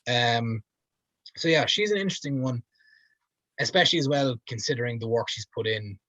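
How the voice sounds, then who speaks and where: This man co-hosts a podcast, speaking in a casual, rambling manner packed with hedges and fillers. He has a medium-pitched, fairly bright voice at a normal speed, and the audio is dull, dry and lo-fi with no room sound.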